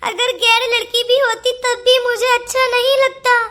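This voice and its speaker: Someone doing a jealous whiny cartoon bahu, really high pitched, sharp and bright, plotting away. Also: little pitch movement, moderate pace. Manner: whiny, complaining. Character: jealous scheming young wife.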